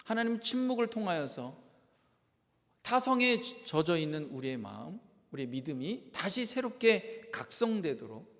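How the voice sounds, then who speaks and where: A male pastor delivers an impassioned sermon in a fairly high voice that rises and falls widely. He drops into quiet, reflective asides, then breaks out into loud, fervent cries. His voice rings with the long reverb of a church sanctuary. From South Korea.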